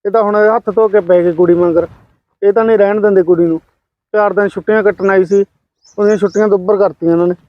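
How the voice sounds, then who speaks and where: A man's voice: high voice, fairly even intonation, fast, darkish tone, dry recording, muffled recording, close to an everyday voice. An actor playing an older rural grandfather who keeps soothing his quarrelling family. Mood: calming, weary. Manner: soothing, repeatedly brushing off quarrels. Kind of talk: home-made family drama skit.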